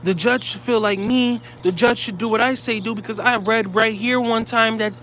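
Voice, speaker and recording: A man's voice: high voice, steady tone, moderate pace, pushed and bright, a little hiss or hum. A man delivering heated, profane commentary straight to his viewers, blunt and scolding.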